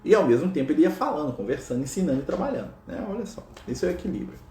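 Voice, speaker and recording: A Brazilian spiritual speaker with a Brazilian Portuguese accent tells a religious story casually and chattily, scattering tag questions throughout. His fairly high, dark-toned voice is sing-song and rapid-fire, and the recording has a roomy echo.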